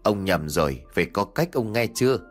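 A cruel, scheming elderly wife snaps orders at her timid husband, as a male storyteller puts her on. Her voice sits fairly low yet swings widely in pitch. She scolds with a bossy, cutting edge. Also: expressive, a little fast, faint music behind.

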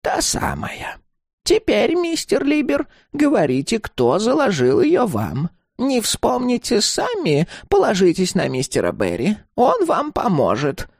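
A man voicing a cool, scheming old woman landlady who talks slowly and sweetly with a threat underneath. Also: high-pitched, huge pitch swings, creaky, dry recording, clean studio sound, pitched above the performer's own voice, heavily acted. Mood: coolly menacing.

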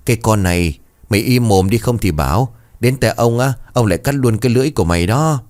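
Guy doing a rough servant boy, quick threatening tone. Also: lowish voice, expressive, darkish tone, pitched above the performer's own voice, lightly acted. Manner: gruff, threatening.

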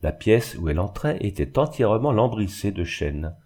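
A man reading a classic novel aloud in measured scripted narration. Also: fairly low pitch, sing-song, warm tone, husky. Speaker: audiobook reader.

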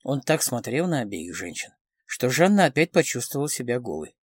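A man's voice: mid-range voice, very animated, a little fast, slightly rough, no echo, clean studio sound. A man narrating a novel as an audiobook, reading expressively. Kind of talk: scripted narration of a crime novel.

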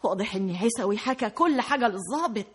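A woman's voice: fairly high pitch, animated, fast, breathy edge. An actress playing a bitter, tearful sister who accuses her siblings, with an Egyptian accent, in a radio drama. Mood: bitter, accusing. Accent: Egyptian Arabic.

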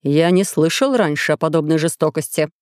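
A reader doing a proud, measured king. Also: on the high side, a little mellow, dry recording, clean studio sound, pitched below the performer's own voice, natural voice. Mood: stern. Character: proud, stern medieval male king.

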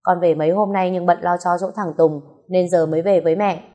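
A woman's voice: lowish voice, steady tone, fairly quick, dark tone, dull audio, close to an everyday voice. A woman reading the part of a firm, earnest middle-aged man pressing his mother. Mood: persuading. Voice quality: earnest, persuasive.

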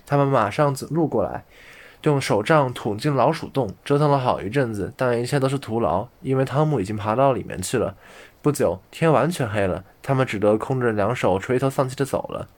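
A man narrating a fairy tale audiobook in a measured storytelling manner. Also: medium pitch, animated. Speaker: audiobook reader.

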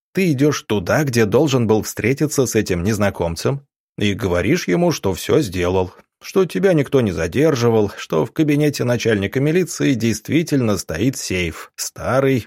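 A man voicing a calm, cunning doctor who speaks in measured, deceptively kind tones. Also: medium pitch, breathy edge, no room sound, studio quality. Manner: calm, measured, turning cold.

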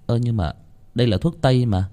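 A man voicing three excitable teenage boys who talk cheekily and stammer when nervous. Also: mid-range voice, fairly quick, natural voice. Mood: cheeky.

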